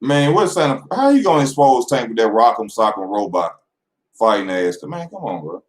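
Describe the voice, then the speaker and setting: A man in his twenties hosts a boxing channel, delivering a casual vlog monologue straight to his viewers in loose, rambling, slangy talk. His medium-pitched voice has a sing-song lilt at a moderate pace, and the room is echoey.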